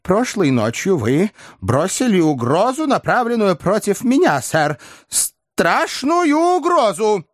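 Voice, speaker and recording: A man voicing a timid, frightened gentleman who trembles and stammers in a classic novel audiobook. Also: mid-range voice, wildly swooping pitch, no echo, clean studio sound, pitched above the performer's own voice, exaggerated voice. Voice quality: stammering, halting. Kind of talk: audiobook character reading.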